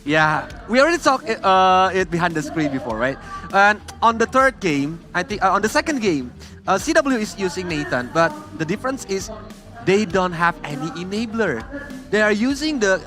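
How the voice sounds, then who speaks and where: A man giving esports panel analysis, halting and searching for words. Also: high-pitched, pushed and bright.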